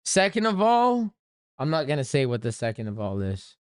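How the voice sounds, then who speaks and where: This young crypto trader runs a laid-back livestream where he rambles, jokes with chat and sometimes sings, though his voice is a bit worn and slightly lost. His mid-range pitch swoops wildly at a moderate pace. The smooth, studio-quality recording has no room sound.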